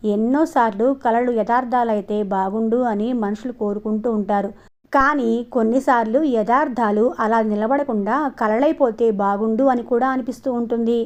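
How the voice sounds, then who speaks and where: A woman's voice: on the high side, fairly even intonation, normal speed, darkish tone. A woman reading a romantic novel aloud as an audiobook narrator. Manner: reads dialogue of both lovers in a lightly heightened tone. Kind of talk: novel reading with voiced dialogue. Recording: dull lo-fi sound.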